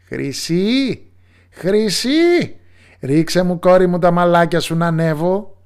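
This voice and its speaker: A man doing a shrill old witch calling out. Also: expressive, clean tone. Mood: calling sweetly. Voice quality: shrill, strained falsetto calls. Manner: drawn-out, sing-song calling. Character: shrill old witch mother, wheedling and furious.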